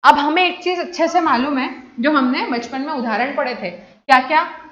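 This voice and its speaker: A woman's voice: sits high, moderate pace, fairly bright tone, slight background noise. A woman teaching an exam-prep English grammar lesson, explaining in Hindi mixed with English and asking her class questions that she answers herself. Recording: echoey room, dull lo-fi sound.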